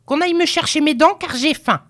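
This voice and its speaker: A woman voicing a fierce, imperious old grandmother who barks orders in loud, shrieking outbursts. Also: high-pitched, fairly quick, pitched above the performer's own voice. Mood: furious, commanding.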